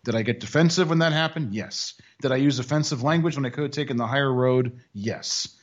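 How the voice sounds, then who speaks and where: A man's voice: mid-range voice, fairly quick. A man hosting a commentary show, narrating with dry, mocking asides. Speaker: commentary host. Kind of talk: sarcastic commentary. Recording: dull lo-fi audio.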